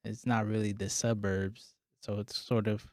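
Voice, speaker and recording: A man hosting a podcast, asking questions in a relaxed, casual way. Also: fairly low pitch, normal speed, dry recording, studio quality. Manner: relaxed, laid-back questioning with fillers. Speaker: podcast host. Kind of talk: casual interview chat.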